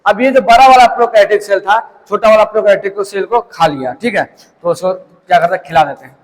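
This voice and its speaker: A man's voice: sits high, quick pace, in a large hall, poor audio. A young man teaching biology, asking questions and answering them himself as he tells a story. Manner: asks and answers his own questions, storytelling. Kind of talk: classroom lecture.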